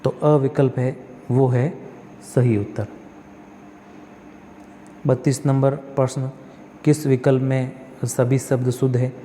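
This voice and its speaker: A man's voice: mid-range voice, level tone, slow pace, pauses often, warm tone, in a large hall, a little hiss or hum. A male tutor walks through exam practice questions, reading each one, correcting the spellings step by step and asking himself questions that he answers.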